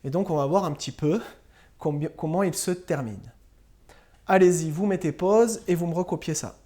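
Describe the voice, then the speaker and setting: A woman teacher giving a slow, patient spelling and grammar lesson to young pupils, spelling words out letter by letter. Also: on the low side, mellow. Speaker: primary school teacher.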